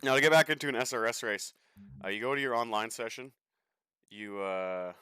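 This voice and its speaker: A man's voice: mid-range voice, a little fast, pushed and bright, smooth, no room sound, studio quality. A young man casually talking through a sim racing live stream, chatty and swearing freely with an offhand joking manner.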